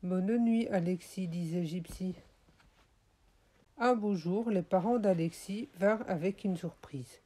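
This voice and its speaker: Mellow woman reading a children's story. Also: fairly low pitch, slow, pauses often, slightly rough. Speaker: audiobook reader. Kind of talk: children's audiobook narration.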